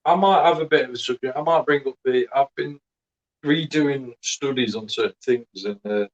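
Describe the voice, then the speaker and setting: A man's voice: medium pitch, normal speed, muffled recording. A man with a Northern English accent co-hosting a casual podcast, making dry, blunt quips. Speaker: podcast co-host. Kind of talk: casual chat.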